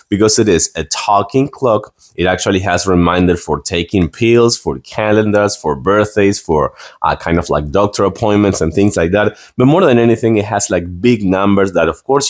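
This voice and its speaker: A man giving a casual product review and demonstration in a rambling, repetitive way. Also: deep voice.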